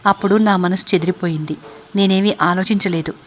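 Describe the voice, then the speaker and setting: A woman voicing a grieving, dignified wife in a read-aloud story, speaking softly and pleadingly. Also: fairly low pitch, fairly even intonation, fairly quick, a little hiss or hum, natural voice.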